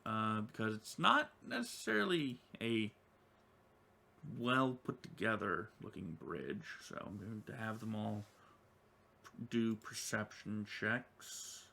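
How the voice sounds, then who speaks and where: A man narrating a tabletop game as game master, rambling and correcting himself as he goes. His voice is gravelly and bright, and he talks slowly. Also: lowish voice. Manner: rambling, with many ums and self-corrections.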